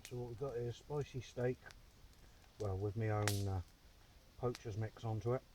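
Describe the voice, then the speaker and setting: A man with a low voice talks to his camera from a hammock by the fire. He chats loosely, full of "uh"s and bits of banter. Faint outdoor ambience sits behind him. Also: steady tone, moderate pace, noisy background. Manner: chatty, bantering, full of fillers. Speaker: bushcraft vlogger. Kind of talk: casual outdoor vlog chat.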